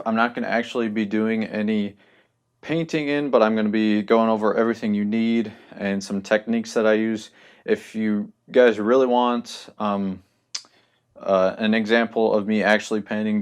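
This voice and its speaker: A man's voice: on the low side, smooth. A young man hosting a casual hobby tutorial, talking loosely with lots of ums and restarts as he explains his supplies.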